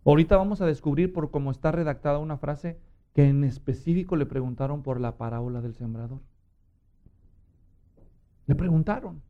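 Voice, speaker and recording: A Mexican man preaching a sermon with animated storytelling and acted-out voices. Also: fairly high pitch.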